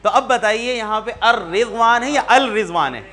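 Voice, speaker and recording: A man's voice: high-pitched, bright, forceful tone, some chatter behind. A man teaching a community Quran class, patiently quizzing students and repeating key points. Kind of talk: classroom lesson.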